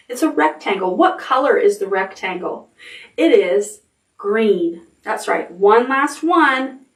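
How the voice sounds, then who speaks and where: A woman's voice: mid-range voice, a bit bright. A woman hosting a preschool storytime, talking as if reading to a toddler, with simple questions and praise. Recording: roomy sound, distant mic.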